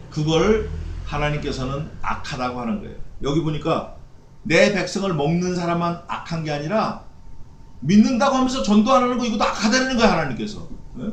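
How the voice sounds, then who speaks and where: Korean pastor preaching in an echoey church. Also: male voice, fairly high pitch, a little hiss or hum. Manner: preaching with rhetorical questions and repeated short phrases. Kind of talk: sermon. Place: church sanctuary.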